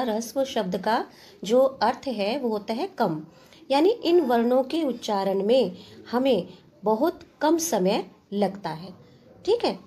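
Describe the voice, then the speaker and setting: A woman teaching a school grammar lesson in a patient, step-by-step way. Her voice sits a little high with a soft, mellow tone. She keeps asking the class questions and answering them, mixing in English terms as she explains. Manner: patient, asks questions then answers them, addresses students as children.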